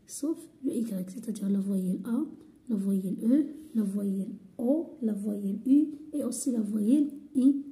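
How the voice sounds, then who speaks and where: A woman teaching a French grammar lesson, talking slowly and deliberately, spelling out letters, repeating words and often dropping to a half whisper. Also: a little high, mellow. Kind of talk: slow lesson explanation.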